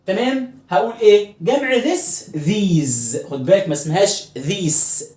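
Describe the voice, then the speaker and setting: A man with an Egyptian Arabic accent, teaching an English lesson and explaining pronunciation, who often repeats words slowly to drill them. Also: high voice, sing-song, a little mellow, roomy sound.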